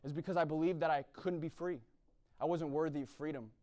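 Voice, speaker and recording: A young East Coast American man talks at a university chapel event in a blunt, sermon-style way, checking in often with "right?". His voice is fairly high and steady, a little fast and slightly mellow.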